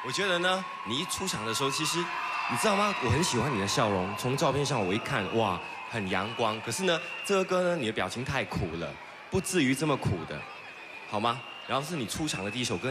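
Male judge over loud noise. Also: medium pitch, very animated, brisk. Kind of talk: judge's critique on a talent show.

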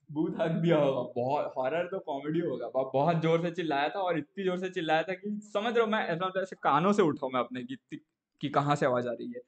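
Animated young man telling stories on stream. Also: fairly high pitch. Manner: animated storyteller who keeps checking in with viewers. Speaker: live-stream gamer. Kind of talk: casual live-stream chat.

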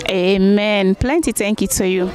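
A young woman with a Sierra Leonean Krio accent, briskly interviewing people on a town street with a handheld mic. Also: medium pitch, a little mellow, some chatter behind. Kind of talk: vox pop street interview.

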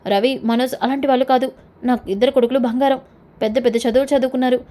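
Storybook role: a pleading older mother in a mellow voice, read by a woman narrator. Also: high voice, fairly even intonation, rapid-fire, natural voice. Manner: anxious, pleading. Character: older mother pleading to protect her family.

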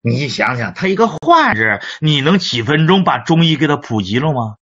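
A man's voice: fairly high pitch, very animated, normal speed, fairly bright tone, husky. A middle-aged man, a Chinese medicine teacher telling a clinic story in a lecture, often repeating and restarting words. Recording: dull lo-fi recording.

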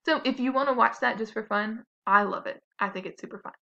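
A young woman teaching children a grammar lesson, slow and clear, cheerful as she leads a sing-along dance chant. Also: a little high, pushed and bright, echoey room, lo-fi sound.

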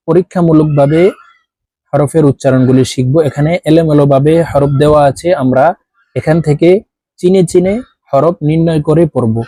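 A man with a Bangladeshi Bengali accent teaching Arabic letters slowly, one by one, with the letter names drawn out and chanted. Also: fairly high pitch, dark tone, no room sound. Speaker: Quran teacher. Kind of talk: slow letter-by-letter lesson.

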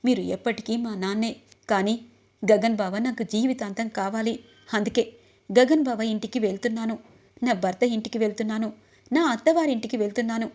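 Earnest young bride, heartfelt, highish voice, woman doing her. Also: fairly quick, darkish tone, lightly acted. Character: devoted young bride leaving home.

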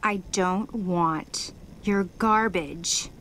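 A slow, cold blue gem girl. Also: lowish voice, over loud music. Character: cold withdrawn blue female water gem.

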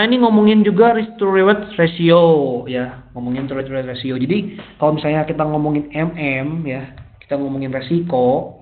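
A man's voice: mid-range voice, slight background noise. A man presenting a trading webinar, explaining in a casual, chatty way with many fillers. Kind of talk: live webinar lecture. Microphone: laptop microphone. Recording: tinny phone-like webinar audio.

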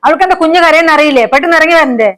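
Fussy fast-talking woman, high voice. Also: fairly bright tone, poor audio. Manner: fussy, doting, scolding. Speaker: grandmother character. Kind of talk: comedy family sketch acting.

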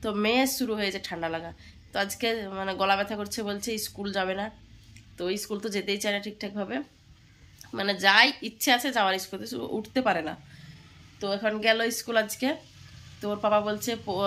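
A woman in her thirties from India with a West Bengal accent, hoarse from a cold, chatting casually to viewers as she cooks at home. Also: mid-range voice, steady tone, quick pace. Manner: chatty, talks straight to viewers while cooking. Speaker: housewife vlogger. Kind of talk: casual home vlog chat. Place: home kitchen. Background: loud guitar music.

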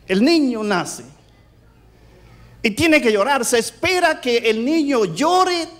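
A male pastor delivers a sermon in a lively, high voice that swoops up and down. He tells stories and puts rhetorical questions to his listeners with emphatic conviction. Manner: storytelling with rhetorical questions to the audience.

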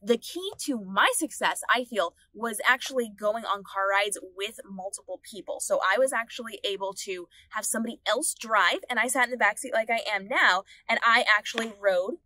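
Her voice fairly high and her pace normal with few pauses, a woman in her thirties gives steady, earnest dog-training tips, repeating phrases as she goes. She sits in the back seat of a parked car, recording an instructional vlog on a phone or camera held at arm's length, and the sound is dry.

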